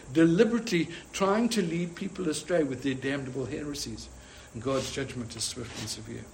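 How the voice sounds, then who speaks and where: A man's voice: on the high side, a little hiss or hum. A man preaching a sermon as pastor, earnest and often restarting with fillers.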